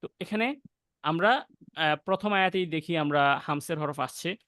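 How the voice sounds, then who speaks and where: Young Bangladeshi man, high voice, dry close sound, patient recitation teacher who demonstrates letter sounds. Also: sharp tone, dry recording. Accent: Bangladeshi Bengali. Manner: explains patiently, then recites verses slowly and drawn out. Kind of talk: online class lesson with slow recitation.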